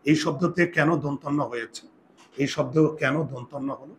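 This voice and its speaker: A male teacher at a medium pitch gives a grammar lesson in a patient, steady way. He repeats each rule and asks his students questions before answering them himself. A faint hiss and some room ambience sit under his voice. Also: normal speed.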